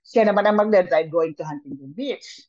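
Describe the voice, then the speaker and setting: A woman's voice: on the low side, moderate pace, darkish tone, dull audio. A woman sharing a personal church testimony as a radio guest, telling it animatedly and mixing Tagalog and English. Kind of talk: casual testimony.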